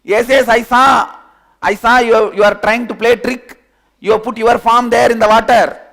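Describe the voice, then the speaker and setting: A man's voice: extremely high pitch, steady tone, normal speed, gravelly, voice pushed up, full character voice. A man doing an accusing young lion. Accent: Indian English. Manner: loud accusing, insistent. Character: suspicious young lion raised among sheep.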